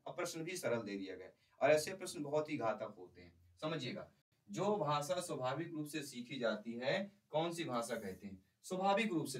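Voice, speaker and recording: A man's voice: fairly high pitch, fairly bright tone, distant mic, poor audio. Man teaching an exam-prep class, off-mic. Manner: explains by repeating and asking the class questions.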